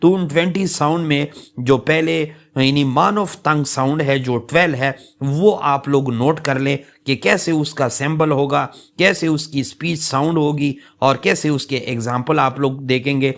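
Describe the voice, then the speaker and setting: A man's voice: fairly high pitch, steady tone, unhurried. A man teaching a lecture on English pronunciation, explaining patiently with many fillers, repeating points and stretching out example words.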